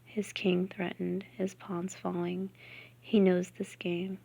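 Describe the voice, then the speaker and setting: A woman reading a novel aloud, softly and often half-whispered. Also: fairly low pitch, level tone, slow, creaky. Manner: soft, half-whispered reading with giggles at slips. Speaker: reader.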